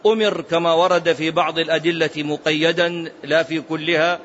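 A man's voice: a little high, fairly even intonation, normal speed, fairly bright tone, muffled recording, a little hiss or hum. A man giving a religious lesson as a preacher, emphatic and rhetorical, sometimes chanting phrases. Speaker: Islamic preacher.

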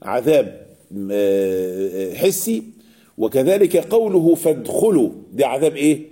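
A religious teacher with an Egyptian Arabic accent leads a lesson on Quranic verses, often posing a question to the class and answering it himself. His husky, mid-range voice is dark in tone, sing-song and unhurried.

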